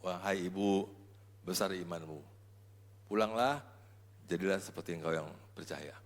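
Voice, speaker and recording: Grave, gentle male teacher, low and measured, voiced by a preacher; hall echo. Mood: solemn. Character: calm, solemn male teacher, grave and kind. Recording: echoey church hall.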